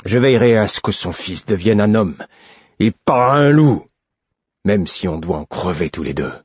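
A man voicing a stern, bitter grown man who has been drinking, speaking with low menace that can flare into roaring anger. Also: fairly even intonation, measured pace, darkish tone, breathy edge, no echo, highs cut off. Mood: roaring angry.

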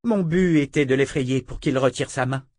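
A man's voice: medium pitch, moderate pace, a little mellow, no echo, studio quality, lightly acted. A man voicing a stern, cold, commanding sister who wields magic in an audiobook.

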